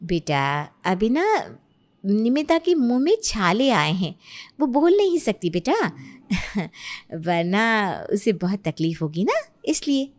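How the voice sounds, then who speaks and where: A woman's voice: medium pitch, very animated, takes it slowly, slight background noise. A woman voicing the anxious, evasive middle-aged mother of a bride in a cartoon story. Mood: nervous. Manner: nervous, evasive.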